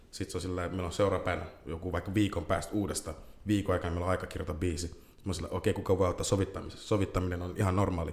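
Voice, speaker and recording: Low-voiced man in an echoey room. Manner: loose, animated storytelling with English slang. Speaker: band vocalist. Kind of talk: casual interview chat.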